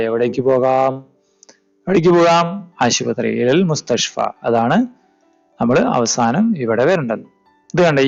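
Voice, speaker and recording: A man, teaching as he goes through an exam paper. He reads lines slowly, then explains them quickly and asks his pupils questions. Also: medium pitch, gravelly. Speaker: Arabic teacher. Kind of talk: exam paper walkthrough lesson. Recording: slightly dull audio with faint background music.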